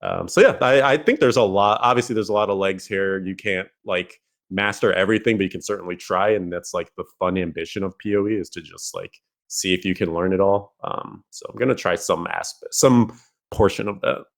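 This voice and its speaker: A man chats casually as a podcast co-host, wandering through his thoughts and leaning on filler words. His voice sits a little low. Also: fairly quick, vocal fry. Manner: rambling, heavy use of "like".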